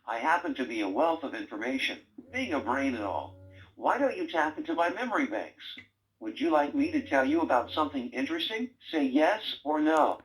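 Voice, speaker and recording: A sarcastic talking brain toy. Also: male voice, on the high side, sing-song, brisk, low-quality recording. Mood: teasing. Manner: sarcastic, teasing, bossy quiz-style prompts. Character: wisecracking male talking brain robot toy. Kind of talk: toy voice lines.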